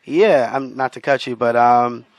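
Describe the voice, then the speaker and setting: A man's voice: medium pitch, a little slow. A young man from Jamaica, a musician guest in a casual interview, talking in a laid-back way with many fillers.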